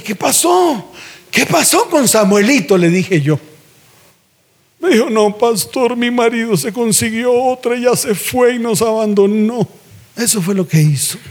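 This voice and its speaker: A pastor preaching a sermon in a church, telling a story in slangy everyday speech and then exhorting slowly and forcefully. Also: male voice, sits high, husky. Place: church sanctuary.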